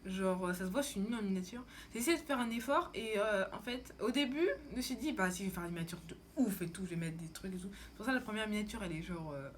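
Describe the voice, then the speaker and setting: This young French vlogger speaks fast in a medium pitch, with few pauses, chatting casually to the camera. Her style is slangy, informal and rambling, and faint background noise can be heard.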